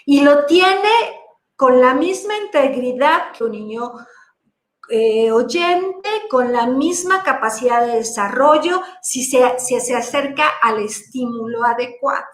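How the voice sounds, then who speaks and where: A woman giving a deliberate virtual conference lecture, explaining with rhetorical questions. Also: high voice, animated, roomy sound. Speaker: lecturer on language teaching for deaf children. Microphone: video call.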